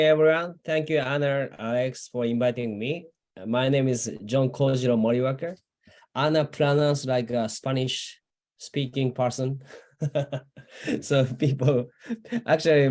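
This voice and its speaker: A man's voice: mid-range voice, unhurried, a little mellow. Jokey man from Japan on a call. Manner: jokey, friendly. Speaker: venture partner, judge.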